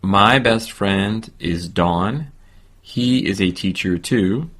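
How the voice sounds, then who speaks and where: An English teacher from San Francisco in his forties, this American man speaks slowly in a low, slightly bright voice. He gives simple, scripted-sounding interview answers aimed at beginner learners.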